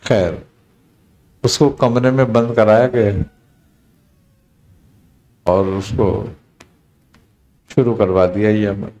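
A man, a spiritual teacher, telling a story in a relaxed conversational talk and acting out the quoted dialogue. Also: fairly low pitch, a little hiss or hum. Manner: unhurried, recounting with quoted dialogue.

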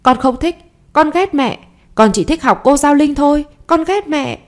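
A woman voicing a frightened young boy in an audio story, pitching up into a high, tearful plea. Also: measured pace. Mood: defiant.

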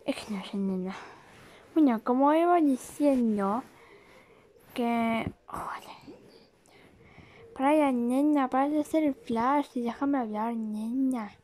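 A woman's voice: high voice, slow pace, long pauses, mellow. A woman from Spain with a Spain Spanish accent, streaming a horror game live and giving jittery, jumpy commentary that hangs a pet word on almost every phrase.

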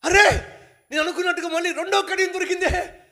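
A man voicing a greedy poor male passerby in a sermon story, excitable and grasping, with loud yelps. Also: a little high, a little fast. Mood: delighted. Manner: excited, yelps loudly in pain.

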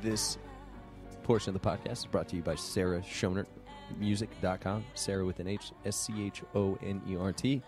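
A man's voice: deep voice, fairly even intonation, normal speed, music in the background. A man hosting a comedy podcast, reading sponsor plugs and bantering crudely with his co-hosts. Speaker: podcast host. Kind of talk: casual comedy podcast chat.

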